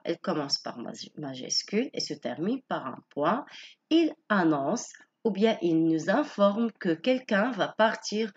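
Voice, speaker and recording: Slow, patient woman teaching grammar. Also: lowish voice, highs cut off. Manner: patient, explains slowly with many rephrasings. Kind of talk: French grammar lesson.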